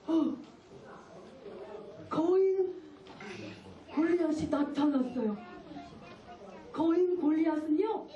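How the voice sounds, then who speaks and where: A woman Sunday school teacher telling a Bible story to young children in an animated way, asking them questions as she goes. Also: very high voice, measured pace, muffled recording. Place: church classroom with young children. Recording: echoey room from far off, children nearby.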